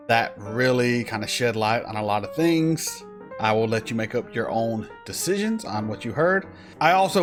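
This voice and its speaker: A man talks over a clip in a casual reaction video, tossing off mocking asides and laughing often. His voice sits in an ordinary middle pitch. Quiet music plays faintly underneath. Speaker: reaction channel host.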